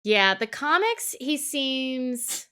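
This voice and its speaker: A woman's voice: high-pitched, sing-song, drawn-out words, bright, forceful tone, clear, resonant tone. A woman co-hosting a podcast, talking casually and thinking aloud as she discusses a show. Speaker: podcast co-host. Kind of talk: casual discussion of an animated series.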